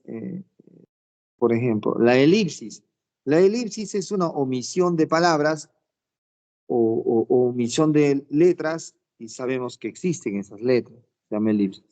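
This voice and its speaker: A man's voice: a little high, darkish tone. A male teacher giving a classroom lesson, explaining patiently with everyday examples and often checking that students follow.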